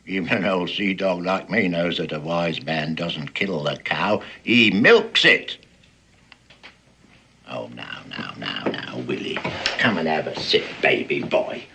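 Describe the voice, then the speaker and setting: An older man playing a gruff, wheedling old seaman and blackmailer in a western drama, with a gravelly voice and sly, folksy coaxing. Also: low voice, lively intonation, slow pace, pushed and bright, a little hiss or hum, heavily acted. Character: wheedling, menacing old sea dog blackmailer, male. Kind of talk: period western screen acting.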